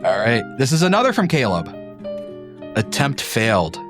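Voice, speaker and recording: A man's voice: mid-range voice, very animated, normal speed, music in the background. A man hosting a tabletop game as game master, chatting casually and informally as he reads out submissions.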